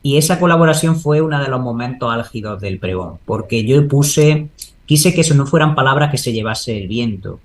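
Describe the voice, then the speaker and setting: A man's voice: medium pitch, lively intonation, normal speed. A man answering in a spontaneous interview, earnest and discursive, often adding tag questions to seek agreement. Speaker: local interviewee, Holy Week proclamation speaker. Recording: noticeable background noise.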